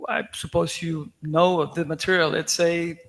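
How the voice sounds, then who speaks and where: A man's voice: on the high side, flat delivery, normal speed, vocal fry, a bit bright. A man, an architect answering at a conference, hesitant with many fillers and restarts. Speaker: architect panelist. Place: conference hall. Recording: echoey hall with long reverb.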